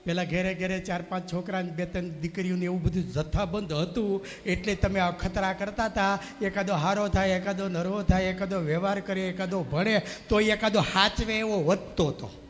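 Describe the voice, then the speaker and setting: Kathiawadi guy giving a folksy speech at a school function, highish voice, big hall echo. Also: fairly even intonation, moderate pace, hardly any pauses. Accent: Kathiawadi Gujarati. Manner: folksy oratory with emphatic rising punches. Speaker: guest speaker at a school function. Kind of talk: storytelling speech to parents. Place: school cultural event stage. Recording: long reverb from a loud PA.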